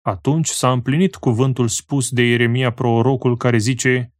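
A man reading scripture aloud in a solemn, slow and measured way, pausing phrase by phrase. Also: medium pitch, little pitch movement, dry recording, studio quality. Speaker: scripture reader.

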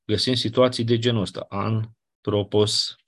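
Husky low-voiced man teaching a grammar lesson. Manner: explanatory, colloquial asides, checks with "nu?". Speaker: Greek teacher. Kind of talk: classroom lecture on Ancient Greek grammar.

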